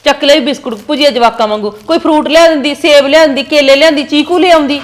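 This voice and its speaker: A sulky young daughter-in-law, acted by a woman griping fast in a high, shrill-edged voice from a little way off the mic. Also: natural voice. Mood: complaining. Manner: sulky complaining.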